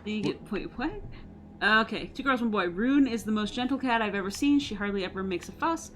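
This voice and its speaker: A woman's voice: mid-range voice, expressive, a little fast, fairly bright tone, a little hiss or hum. A woman chatting playfully on a home game stream, talking about her cat. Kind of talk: casual live-stream chat.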